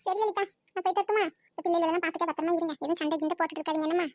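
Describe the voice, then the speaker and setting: A woman voicing a caring middle-aged aunt in a cartoon, giving gentle advice. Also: very high-pitched, steady tone, very fast, dry recording. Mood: advising.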